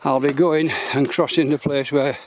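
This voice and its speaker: A man, out of breath, rambling slowly with many pauses while filming his walk on a quiet mountain path. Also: on the high side, little pitch movement, a little hiss or hum. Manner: slow, rambling, many uhs. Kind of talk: casual walking vlog.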